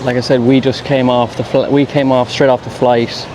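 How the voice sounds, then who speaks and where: A man's voice: mid-range voice, level tone, moderate pace, noisy background. A man giving casual travel vlog commentary, with understated, slangy, rambling asides. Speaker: travel vlogger. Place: walking around an airport terminal.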